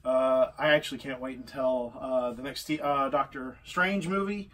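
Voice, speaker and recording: A man's voice: medium pitch, moderate pace, a bit bright, distant mic. Chatty, argumentative man co-host. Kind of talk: casual podcast chat.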